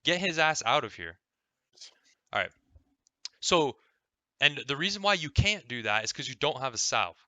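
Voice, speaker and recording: A man's voice: medium pitch, big pitch swings, normal speed, long pauses, pushed and bright, dry recording. A man coaching a player over a gameplay replay in a casual, explaining way, often checking in with "right?" and swearing freely. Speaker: game coach.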